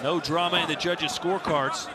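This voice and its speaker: A man's voice: a little high, steady tone, normal speed. A man doing live kickboxing play-by-play commentary with a dramatic, storytelling delivery. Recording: loud arena crowd noise behind. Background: roaring crowd in an arena.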